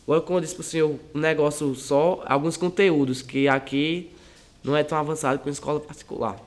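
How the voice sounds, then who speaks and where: A teenage high school student answers interview questions in a soft, rambling way, often pausing and restarting. His voice sits a little high for a man is clear. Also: steady tone. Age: teens.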